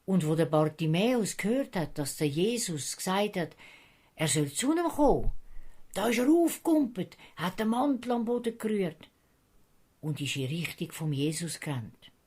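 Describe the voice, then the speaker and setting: A woman's voice: lowish voice, normal speed, husky. A woman with a Swiss German accent telling a Bible story to children, acting out the characters' voices. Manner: lively, acts out the characters' voices.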